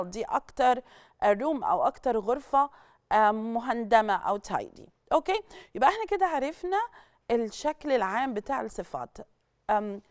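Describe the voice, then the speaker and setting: A woman's voice: on the high side, no echo, studio quality. A woman with an Egyptian Arabic accent, an English teacher giving a recorded lesson, who explains in Arabic and switches to English for the examples. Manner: lively, questioning, checks in with students.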